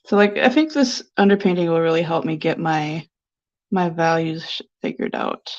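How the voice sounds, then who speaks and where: A woman's voice: low-pitched, normal speed. Sniffly lady rambling and giggling thru a painting stream, lots of "like", kinda dull lo-fi mic. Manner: rambling and giggly, heavy on "like" fillers. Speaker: painter live-streaming her work. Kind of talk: casual live-stream chat.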